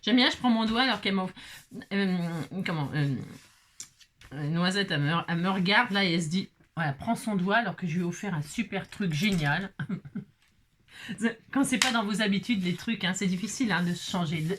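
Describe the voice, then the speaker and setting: A woman's voice: mid-range voice, animated, brisk, a bit bright, slight background noise. A woman hosting a casual crafting tutorial, chatty and jokey, talking to her viewers and her pet as she works. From France. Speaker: craft video host.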